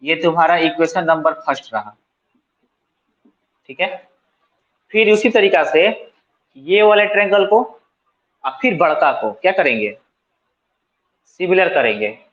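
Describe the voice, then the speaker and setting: Tutor with a Bihari lilt, higher voice. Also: male voice, lively intonation, a little slow, long pauses, highs cut off. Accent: Bihari Hindi. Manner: asks students questions and answers them himself; colloquial, mixes English math terms into Hindi. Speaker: math tutor. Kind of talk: classroom math lesson, working through steps aloud. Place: coaching centre classroom.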